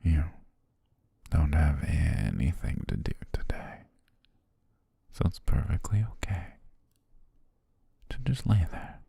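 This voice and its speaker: Speaking close to the mic in a half-whispered ASMR roleplay, a man plays a possessive, doting yandere butler who is both soothing and controlling. His very deep, breathy, husky voice moves slowly and gently, coaxing almost hypnotically with pet names and a sing-song lilt. The recording is dry, the acting heavy, and the mood soothing and coaxing.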